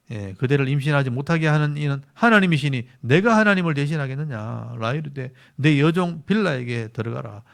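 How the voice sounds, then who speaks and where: A man with a Gyeongsang Korean accent, a pastor teaching a Bible lecture sermon who explains patiently and repeats key words for emphasis. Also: mid-range voice.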